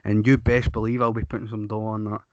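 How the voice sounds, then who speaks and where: A man's voice: on the low side, level tone, fast, no room sound. A man co-hosting a casual sports podcast, blunt and sweary, often talking over his co-host. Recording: dry, dull lo-fi sound.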